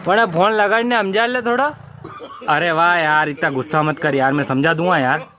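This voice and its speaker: High voiced guy doing a phone call comedy bit, lots of yaar. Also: normal speed, pushed and bright. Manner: rustic, exclaiming, repeats "yaar". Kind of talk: comic phone-call banter. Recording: faint background noise.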